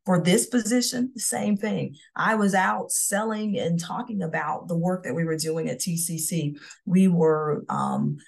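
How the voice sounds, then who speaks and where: A woman's voice: on the low side, measured pace, creaky. A middle-aged woman from Florida, telling her career story with confidence in a podcast interview. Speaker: guest, CEO.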